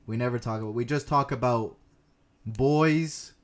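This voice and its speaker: A man co-hosting a podcast in relaxed, casual chat, switching between English and Spanish mid-sentence and laughing often as he tells stories. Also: mid-range voice, slow pace. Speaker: podcast co-host, language learner.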